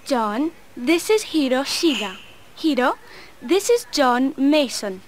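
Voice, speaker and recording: A woman speaking in a scripted textbook listening recording, slow and carefully enunciated. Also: high-pitched, very animated, a little hiss or hum, full character voice. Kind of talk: scripted course audio.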